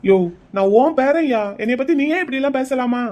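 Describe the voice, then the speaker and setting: A man's voice: extremely high pitch, lively intonation, a little fast, a little mellow, dull audio. A man voicing an earnest young grandson in a cartoon, pleading with his grandfather. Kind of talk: cartoon voice acting.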